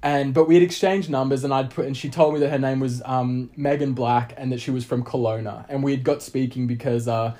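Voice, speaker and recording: A young adult man with an Australian accent, a podcast guest, tells a long story in casual chat, rambling with plenty of fillers and acting out other people's lines with animation. His voice is medium-pitched and fairly quick, with hardly any pauses.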